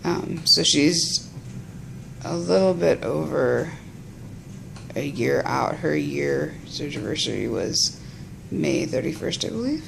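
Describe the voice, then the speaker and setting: Gravelly, halting woman in a casual vlog. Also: sits low, expressive. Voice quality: gravelly, creaky. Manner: halting, rambling. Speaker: patient vlogging after surgery. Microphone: phone. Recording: noisy phone recording.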